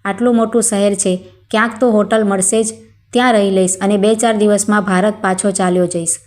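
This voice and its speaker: Woman reading as an elderly grandfather, proud, hurt, quiet and firm, storybook tale. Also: medium pitch, steady tone, fairly quick, close to an everyday voice. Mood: resolute.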